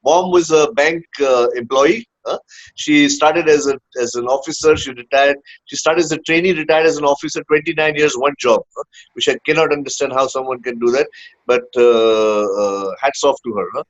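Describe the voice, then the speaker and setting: At a moderate pace and in a mid-range voice, a leadership coach from India rambles through his personal story in an informal interview. He uses many "uh" fillers and tags remarks with "huh?". The sound is lo-fi and dull.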